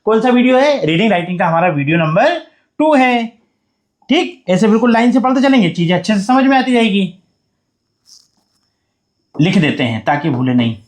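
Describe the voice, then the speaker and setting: A man's voice: sits high, big pitch swings, moderate pace, long pauses. A man teaching beginners at a board, coaxing them along by asking questions and answering them himself. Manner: coaxing, repeats questions back to the class. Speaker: English teacher. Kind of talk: whiteboard lesson for beginners.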